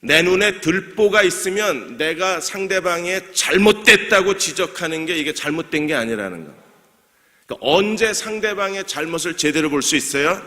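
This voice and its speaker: A man's voice: fairly high pitch, pushed and bright. A male pastor preaching a midweek sermon, asking his congregation questions, answering them himself, and joking lightly with them. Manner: jokes lightly and laughs with the congregation. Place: church sanctuary. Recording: long church hall reverb.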